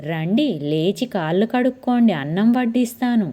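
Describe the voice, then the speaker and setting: A woman voicing a quick-tempered, jealous young wife who talks in a snappy, raised voice. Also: on the high side, expressive, mellow, voice pushed up, lightly acted. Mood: sharp.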